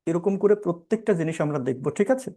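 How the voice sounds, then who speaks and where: A man's voice: on the high side, expressive, fast, mellow. A man with a Bangladeshi accent giving a law lecture, explaining step by step, asking questions and answering them, with English terms mixed in. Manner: explanatory, asks and answers his own questions; mixes English legal terms into speech. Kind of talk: classroom-style lecture.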